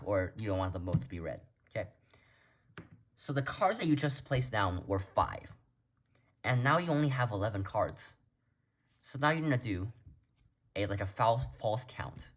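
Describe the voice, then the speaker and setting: A man giving a casual step-by-step tutorial as presenter, talking informally and directly to viewers. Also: lowish voice. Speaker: card trick tutorial presenter.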